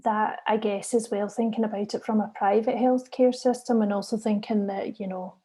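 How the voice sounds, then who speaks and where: A middle-aged woman, giving an earnest, encouraging talk as a senior doctor at a measured pace. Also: medium pitch, steady tone, dark tone, breathy edge. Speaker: consultant geriatrician giving a talk. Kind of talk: recorded conference presentation.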